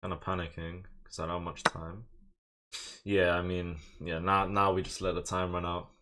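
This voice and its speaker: Over very noisy audio, a man from England streams online chess, his low voice flat and at a normal speed. He keeps it casual, half thinking through moves to himself and half chatting with viewers, his English accent clear.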